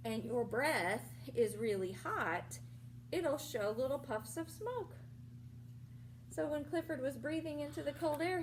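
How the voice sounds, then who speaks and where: A high-voiced teacher reads a picture book to young children, pausing for questions and side comments and keeping explanations simple. A faint hiss or hum sits under the audio.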